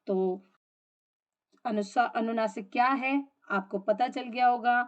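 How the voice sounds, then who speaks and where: Woman teacher explaining grammar. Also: on the high side. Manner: explains step by step, asks and answers her own questions; draws out example words slowly. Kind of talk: Hindi grammar lesson. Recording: dull lo-fi audio.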